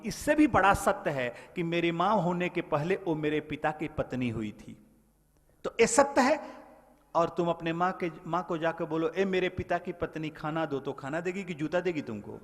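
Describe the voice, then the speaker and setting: Man preaching, higher voice, very lively pitch, long reverb of a big hall. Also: normal speed. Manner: emphatic, swings between loud exhortation and soft storytelling; addresses listeners as brothers. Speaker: spiritual teacher. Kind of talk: Hindi spiritual sermon. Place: large event hall.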